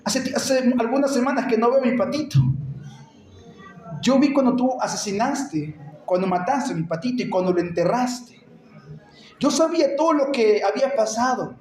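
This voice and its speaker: A man voicing a gentle old grandmother who calmly lets a boy know she saw everything. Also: extremely high pitch, normal speed. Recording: echoey church hall.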